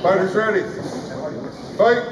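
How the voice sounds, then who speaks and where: A man refereeing a match, calling out short, booming, formulaic commands like an announcer. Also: a little slow, highs cut off. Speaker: referee at a fencing tournament. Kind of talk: shouted match officiating calls. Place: large indoor sports gymnasium. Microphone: distant camera microphone. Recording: echoey gym from far off, loud background noise.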